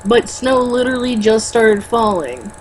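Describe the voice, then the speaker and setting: A sarcastic, exasperated, foul-mouthed young woman co-hosts a casual read-aloud, reading a book and adding mocking commentary. Her voice is on the high side and expressive, at a measured pace, and the amateur recording is noisy.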